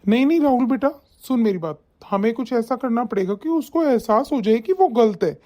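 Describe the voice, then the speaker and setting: A woman voicing a calm, persuasive older father-in-law in an animated story. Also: a little high, fairly quick, lightly acted.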